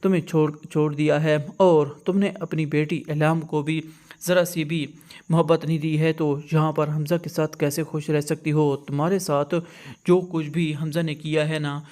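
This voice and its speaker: A man's voice: on the high side, little pitch movement, a little mellow, natural voice. A man reading a stern mother. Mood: scolding. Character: stern middle-aged mother, protective of her son.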